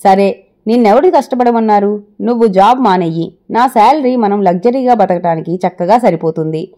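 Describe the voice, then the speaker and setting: A woman's voice: medium pitch, moderate pace, warm tone, natural voice. A woman voicing a proud young husband in a family quarrel, talking sharply and reproachfully. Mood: resentful.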